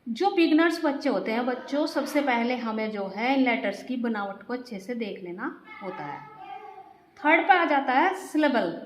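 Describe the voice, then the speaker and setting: A woman's voice: high-pitched, roomy sound, low-quality recording. A woman teaching grammar to children, patiently spelling out letters one by one and often speaking to the class directly. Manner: repeats points and keeps addressing the children.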